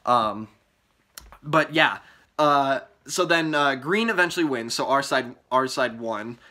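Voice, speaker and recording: A young man excitedly recapping a trip in a casual vlog, rambling with many fillers and restarts, his voice a little worn from yelling. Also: mid-range voice, a little slow. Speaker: vlogger.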